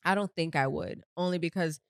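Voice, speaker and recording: A woman co-hosting a casual podcast chat, emphatic and slangy with quick affirmations. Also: low voice, vocal fry, no echo, clean studio sound.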